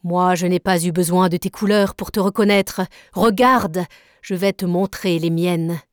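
A woman reading aloud and voicing a vengeful, defiant male sea captain, loud, slow and declamatory, in a dry recording. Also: fairly low pitch, steady tone, no echo, natural voice.

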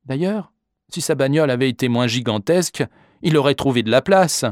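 A man reading a first-person story aloud in a measured, vivid narrating voice. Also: mid-range voice, animated, no room sound, studio quality. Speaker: audiobook reader. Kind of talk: scripted narration.

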